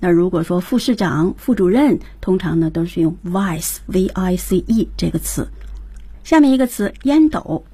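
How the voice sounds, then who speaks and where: A woman's voice: on the low side, lively intonation, normal speed, mellow, husky, no echo. A woman co-hosting a radio English lesson, introducing each new word and summing up what the teacher said. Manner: prompts the next word and recaps the teacher. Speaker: radio co-host. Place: radio studio.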